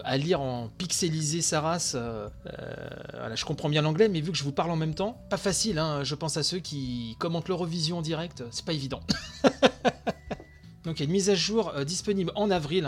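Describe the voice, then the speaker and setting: Tired, excitable podcast host. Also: male voice, on the high side. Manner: excitable, chatty, many fillers and asides. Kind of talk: live commentary of a video stream.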